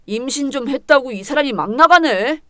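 A woman voicing a selfish, dismissive young husband in a dramatized story reading, using a lowered, blunt voice. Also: lively intonation, normal speed, no room sound, clean studio sound. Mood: placating. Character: selfish, mama's-boy young husband, contemptuous.

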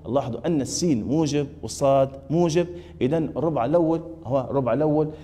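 Fast-talking Libyan math teacher. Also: male voice, mid-range voice, mellow, in a large hall. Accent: Libyan Arabic. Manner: asks students questions and repeats answers. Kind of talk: classroom lesson.

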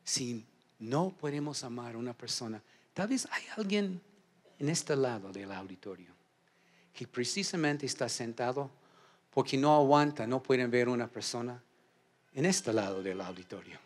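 A man's voice: expressive, normal speed. Emphatic preaching pastor, a man. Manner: emphatic call-and-response preaching; swings from loud shouts to low hushed asides. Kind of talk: sermon. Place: church auditorium.

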